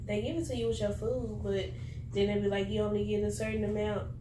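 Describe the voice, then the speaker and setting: A woman's voice: medium pitch, steady tone, a little fast. A woman chatting casually in offhand slang while she eats. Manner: eating while talking. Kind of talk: casual mukbang chat. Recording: roomy, distant mic, clear background noise.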